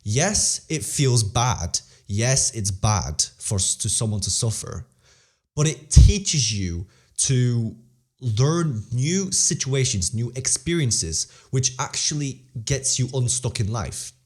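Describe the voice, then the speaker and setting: Medium-pitched and darkish, the voice of this teenage interview guest is animated, though he takes it slowly. He talks earnestly and motivationally in a casual way, often repeating phrases and starting sentences over. He's bilingual in Polish and English, stronger in English.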